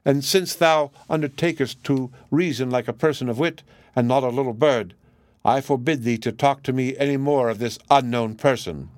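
A man's voice: mid-range voice, moderate pace, darkish tone, no room sound, close to an everyday voice. A man voicing a proud young fairy-tale princess in a storybook reading, with a haughty manner.

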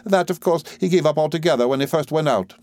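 A man's voice: quick pace, darkish tone, close to an everyday voice. A man putting on a gushing old widow. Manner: shrill, emphatic, gushing. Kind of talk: audiobook character reading.

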